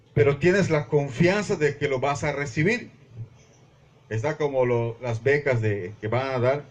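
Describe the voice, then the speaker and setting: A man's voice: a little high, a little mellow. A man with a Mexican Spanish accent preaching a sermon to his congregation in a small mission church, calling them brothers and reading scripture with fervor. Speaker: pastor.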